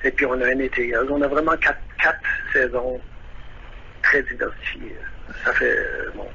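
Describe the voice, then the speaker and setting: A man's voice: mid-range voice, steady tone, normal speed, vocal fry, sharp tone, highs cut off, a little hiss or hum. A man from Quebec with a Quebec French accent, talking hesitantly as a radio interview guest, with many fillers as he searches for words. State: nervous. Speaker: guest musician living abroad.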